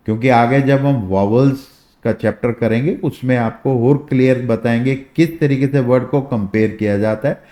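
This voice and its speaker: Slow-speaking man teaching shorthand. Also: mid-range voice, darkish tone. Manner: slow, drawn-out demonstration of vowel sounds. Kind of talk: explanatory lesson. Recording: echoey room.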